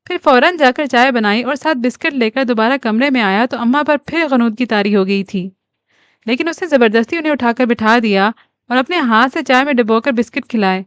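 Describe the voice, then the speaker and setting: A woman narrating a novel as an audiobook reader, in a steady storytelling manner. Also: on the high side, smooth, no room sound.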